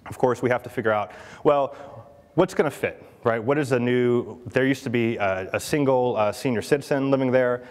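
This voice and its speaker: A man's voice: medium pitch, moderate pace. A man speaking at a conference, chatty and full of fillers, often checking in with the audience. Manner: chatty, asks the audience questions, many fillers. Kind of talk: conference keynote talk. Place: large conference hall. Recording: long hall reverb.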